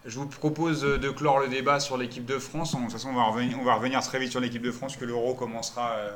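A man's voice: mid-range voice, level tone, fast talker, fairly bright tone, slight background noise. A man hosting a casual football debate show, moderating and steering the talk between topics. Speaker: show host.

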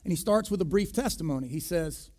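A pastor preaching a sermon, deliberate and emphatic, pressing hard on key words. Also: male voice, high voice, animated, darkish tone.

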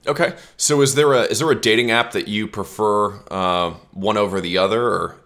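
A man's voice: on the low side, steady tone, moderate pace, fairly bright tone. A man hosting a casual podcast with profane, bro-like banter. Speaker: podcast host.

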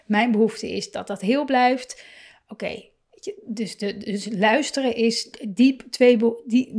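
A woman's voice: mid-range voice, darkish tone. A woman hosting a parenting podcast, talking casually and thinking aloud with many fillers and restarts. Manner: laughs often and acts out parent and child lines. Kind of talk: casual solo podcast talk.

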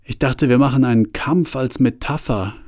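A man doing a deadpan, sardonic hero. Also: mid-range voice, moderate pace, no room sound, clean studio sound, lightly acted.

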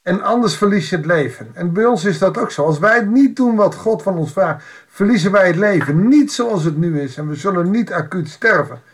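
A man's voice: high-pitched, lively intonation, normal speed. A man giving an informal Bible devotional, reading a passage aloud and explaining it in a conversational way with wry asides.

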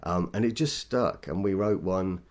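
A man, a poet, talking thoughtfully and self-deprecatingly in an interview, in a halting way. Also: sits low, a little mellow. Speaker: poet guest. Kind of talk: interview conversation.

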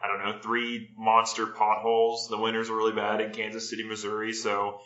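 A man's voice: on the low side, completely flat delivery, brisk, bright, forceful tone, lo-fi sound. A man co-hosting a casual podcast, telling a story in a laid-back way, recorded on a laptop mic with a lot of room echo. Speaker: podcast co-host. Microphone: built-in laptop mic.

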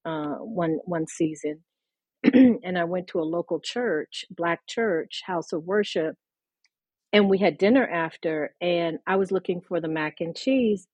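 A woman author and scholar from the mid-Atlantic United States talks in a thoughtful, lecturing style during a podcast conversation, with restarts and laughter along the way. Her voice is lowish, a little mellow and husky, with no room sound.

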